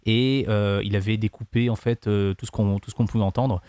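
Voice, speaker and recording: A man's voice: fairly low pitch, steady tone, a little fast, warm tone, no room sound. A man discussing films casually as a panelist, often searching for his words. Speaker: podcast panelist.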